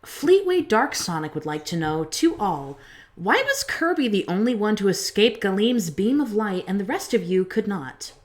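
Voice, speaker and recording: A woman's voice: mid-range voice, very animated, moderate pace, lightly acted. A woman voicing a composed adult goddess who reads out audience questions in a theatrical, swooping way. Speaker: in-character Q&A host. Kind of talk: in-character fan voice acting Q&A.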